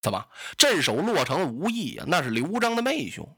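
A male storyteller performing a traditional Chinese oral tale with animated, dramatic narration. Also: a little high, fairly quick, husky.

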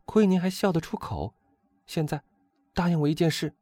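A man's voice: moderate pace, warm tone, no echo, lightly acted. Man voicing a frightened pleading countess. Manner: high strained pleading voice. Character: frightened noble countess, woman, anxious and pleading.

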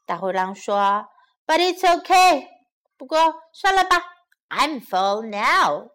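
A woman voicing a greedy big bad male wolf in a children's story, with a slow, drawling manner. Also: high-pitched, very animated, fairly bright tone, full character voice. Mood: puzzled.

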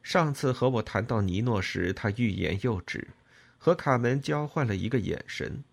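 A man narrating an audiobook in an expressive, emotional storytelling manner. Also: mid-range voice, moderate pace, vocal fry, husky.

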